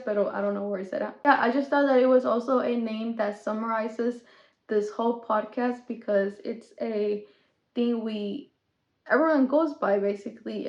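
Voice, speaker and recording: A woman, hosting a podcast in casual chat that switches between English and Spanish. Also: medium pitch. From Mexico. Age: 20s. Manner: chatty, code-switching, with small laughs. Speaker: podcast host. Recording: echoey room, dull lo-fi sound.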